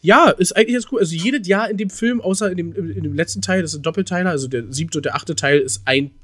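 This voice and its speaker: A man chatting casually on a podcast, his voice sitting a little high for a man. He rambles through his stories with fillers and restarts. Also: quick pace, fairly bright tone. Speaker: podcast co-host.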